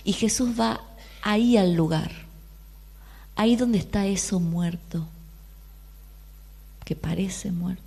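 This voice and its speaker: This woman preaches with a Rioplatense Argentine Spanish accent in a slow, creaky, mid-range voice with a breathy edge, pausing often. Still, her delivery is lively: she keeps asking the audience questions and briefly takes on the voices of the people in the story.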